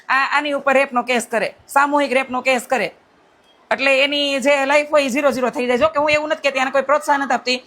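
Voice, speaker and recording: A middle-aged woman addresses her critics directly in a blunt, forceful monologue. Her voice sits high, and her words tumble out quickly. She often presses her point home by asking "right?". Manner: repeats rhetorical "right?" checks. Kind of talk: impassioned direct-to-camera monologue.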